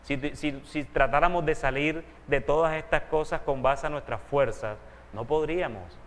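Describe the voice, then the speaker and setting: A man's voice: a little high, moderate pace, a bit bright, long reverb tail. A man, a pastor, teaching a sermon earnestly and asking his listeners rhetorical questions.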